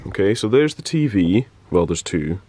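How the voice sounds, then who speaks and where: This twentysomething radio presenter talks casually to his handheld vlog camera in a dark, husky, sing-song voice at normal speed, with no echo. He offers wry, understated asides, and the recording is noisy with rumble in the background.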